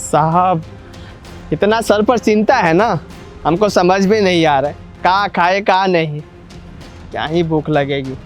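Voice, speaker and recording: A man's voice: high-pitched, unhurried, faint music behind. A man playing an irritable, overworked young husband who snaps curtly at his wife. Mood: exasperated. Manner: curt, exasperated. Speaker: actor in a comedy skit.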